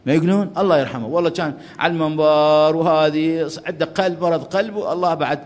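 A man with an Iraqi Arabic accent preaching a sermon from the pulpit of a mosque hall, swinging between fervent calls and hushed pleading. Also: a little high, fast talker. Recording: long reverb of a large hall.

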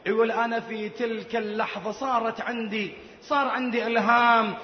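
A very high-pitched man delivers a religious sermon in slow, drawn-out, emotional phrases. His voice rings through a long, reverberant hall with a dull, muffled tone. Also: level tone. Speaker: preacher. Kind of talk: Shia religious sermon recounting a story. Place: large shrine courtyard. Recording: echoey hall, dull sound, faint noise.

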